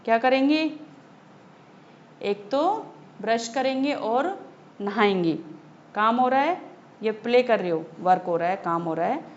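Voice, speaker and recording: Slow patient woman teacher. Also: a little high, animated. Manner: slow, patient, repeats key points for children. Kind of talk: textbook lesson explanation. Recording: slightly dull lo-fi audio with faint noise.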